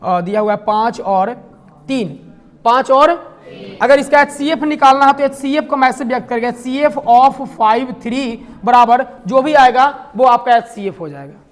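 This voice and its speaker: A man's voice: very high-pitched, normal speed. A man teaches a math lesson. He keeps quizzing the class and then answers his own questions, with light jokes along the way. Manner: asks the class questions and answers them himself, with jokes in between. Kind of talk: classroom lecture.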